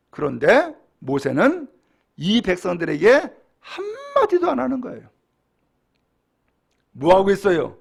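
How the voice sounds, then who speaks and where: Male pastor, sermon, high voice, lively swooping pitch, animated preaching. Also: vocal fry, breathy edge. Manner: animated preaching, acts out quoted speech.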